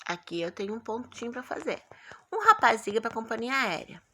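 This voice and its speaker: A woman's voice: fairly high pitch, big pitch swings, brisk, bright, forceful tone. A woman with a Brazilian Portuguese accent teaching a primary school class in a recorded remote lesson, patient and coaxing, checking in often with her pupils.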